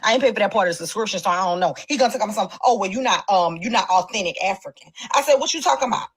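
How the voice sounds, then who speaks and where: A woman telling a comic story in a rapid, high-energy delivery, from a played clip. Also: animated, husky. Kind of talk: stand-up style storytelling clip.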